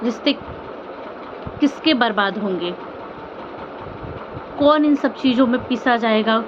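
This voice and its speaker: Addressing viewers at a measured pace, a woman with a fairly high voice gives informal opinion commentary on online family drama. She sounds earnest and pleading, repeating herself and asking rhetorical questions. The recording is somewhat muffled, with clear background noise.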